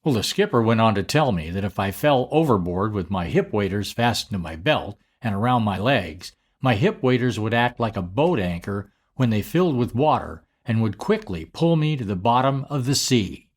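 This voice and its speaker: An older man narrating a personal memory in a slow, deliberate storytelling manner. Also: lowish voice, animated, husky.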